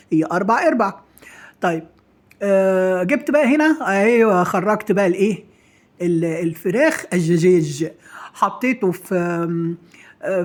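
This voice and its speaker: A woman's voice: medium pitch, a little mellow. A middle-aged woman with an Egyptian accent chats casually to her followers while cooking, playful and self-praising, trailing off into fillers. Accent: Egyptian Arabic. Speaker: home cook and channel host.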